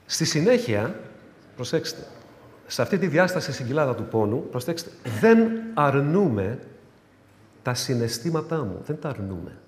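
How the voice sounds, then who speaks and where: An older man preaching a sermon with emphasis, swinging between loud urging and quiet, intimate asides. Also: medium pitch, sing-song, reverberant, in a large hall.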